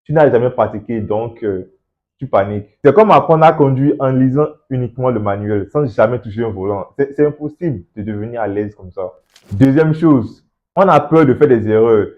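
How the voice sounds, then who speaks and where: A man talks straight to the viewer in a motivational coaching tone. He asks rhetorical questions and repeats words for emphasis. His voice sits at an ordinary middle pitch and comes through a slightly dull, lo-fi recording. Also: moderate pace. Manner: encouraging, rhetorical questions, repeats words when stressing a point. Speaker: host of an English-learning channel. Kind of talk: motivational talk to camera, addressing the viewer directly.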